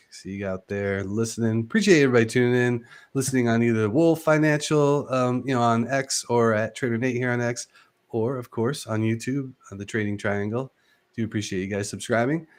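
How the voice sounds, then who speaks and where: A man hosting a casual trading show, upbeat and loose, with plenty of fillers as he walks through charts. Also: medium pitch. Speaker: host. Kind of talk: casual market chat.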